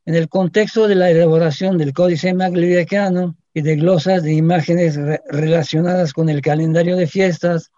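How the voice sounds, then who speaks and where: A man giving a measured, formal reading of a scholarly essay on a radio program. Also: on the high side, mellow, no echo. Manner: measured, academic delivery. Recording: dull, lo-fi radio sound.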